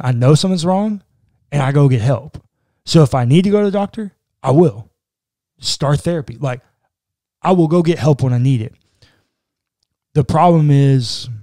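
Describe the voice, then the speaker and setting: This thirtysomething podcast co-host has a dark, mellow, medium-pitched voice, recorded dry on a boom-arm studio mic close in front while he sits in an armchair in a small room. Relaxed and reflective, he thinks aloud, leaning often on "like."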